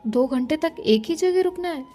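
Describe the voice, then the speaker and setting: Woman narrator doing a cheeky joking young woman, high voice, mellow tone, story reading. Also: expressive, normal speed, faint music behind. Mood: teasing. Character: playful teasing young woman, joking and dodging.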